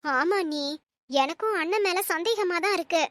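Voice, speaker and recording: A woman's voice: extremely high pitch, lively intonation, moderate pace, fairly bright tone, no echo, clean studio sound. A woman playing a loyal, meddling younger sister-in-law in a family drama skit, urging and conspiratorial. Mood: conspiring.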